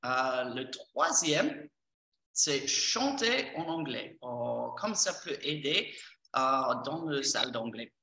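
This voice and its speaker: American-accented man speaking halting French, roomy sound. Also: medium pitch, big pitch swings, pushed and bright. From Texas, United States. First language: English. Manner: halting, searching for words in non-native French. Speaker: teacher trainer presenting courses. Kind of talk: informal spoken presentation of training courses. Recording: roomy echo, distant from microphone.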